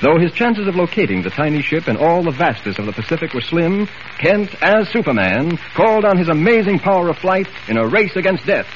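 A man's voice: fairly high pitch, sing-song, brisk. A man narrating a 1940s radio drama in a dramatic storytelling manner, heard as an old radio show broadcast. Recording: muffled hissy 1940s radio transcription.

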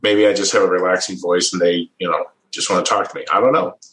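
A middle-aged Midwestern American man, appearing as a guest, tells stories in a casual interview. His fairly low voice is relaxed and easygoing, and he talks fast, chuckles often, and restarts phrases as he thinks, all echoing around the room.

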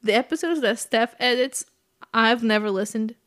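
A woman with a soft, soothing voice, hosting a podcast in casual chat and laughing often. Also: fairly high pitch, normal speed. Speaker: podcast host.

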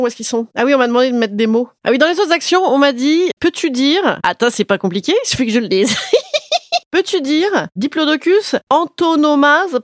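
A woman's voice: a little high, no echo, studio quality. A woman vlogger chatting casually through a truth-or-dare Q&A, playful, bawdy and self-mocking. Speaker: vlogger answering viewer questions.

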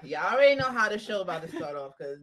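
A woman's voice: fairly low pitch, very animated, quick pace, heavy background noise. A woman co-hosting a podcast in casual, playful, blunt chat. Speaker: podcast co-host.

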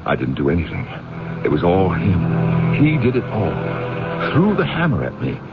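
A man's voice: sits low, huge pitch swings, moderate pace, very noisy, exaggerated voice. An actor playing a jealous man who mutters to himself as he plots to kill his rival, in a radio drama. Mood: defensive. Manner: brooding, muttering to himself in asides. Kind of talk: 1980s radio drama acting. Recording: dull old radio recording with music.

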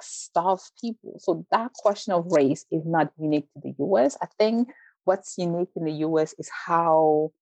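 Interview guest, woman, deep voice, measured and earnest. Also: a little mellow, no echo, rough recording. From Belgium. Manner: earnest, measured, frequent "like" fillers. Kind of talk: interview conversation.

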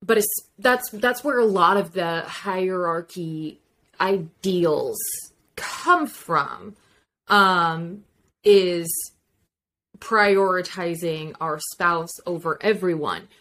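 A woman's voice: on the low side, slow pace, a bit bright. A woman co-hosting a podcast in casual chat, frank and emphatic, swearing and laughing easily. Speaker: podcast co-host.

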